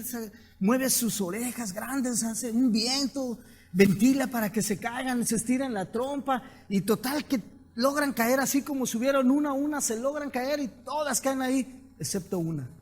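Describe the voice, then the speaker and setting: A man with a Mexican accent, a pastor giving a lively sermon full of stories and rhetorical questions. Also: very high-pitched. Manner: animated storytelling with rhetorical questions.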